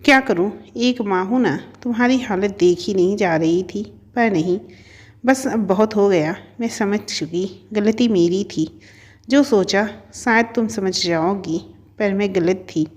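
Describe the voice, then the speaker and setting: A woman's voice: mid-range voice, unhurried, lightly acted. A woman voicing a weary, stern mother. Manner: pleading, then scolding. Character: hurt middle-aged mother, weary and stern. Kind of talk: storybook narration.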